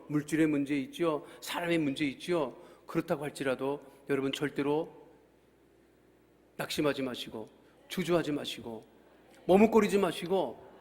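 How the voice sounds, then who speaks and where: A middle-aged male pastor preaching a revival sermon, telling a story and leading prayer, impassioned and bursting into shouts. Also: fairly high pitch. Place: large church hall. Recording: long reverb in a big hall.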